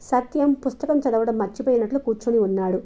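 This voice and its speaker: Woman calmly narrating a novel. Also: a little high, fast. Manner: calm, even storytelling. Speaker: audiobook narrator. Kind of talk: scripted narration. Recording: dull lo-fi recording.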